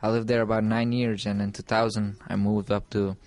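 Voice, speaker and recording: A man's voice: on the low side, flat delivery, a little fast, darkish tone, soft background music. A man in his twenties from Afghanistan describing where he lived, plain and slightly hesitant. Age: 20s. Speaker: interviewee.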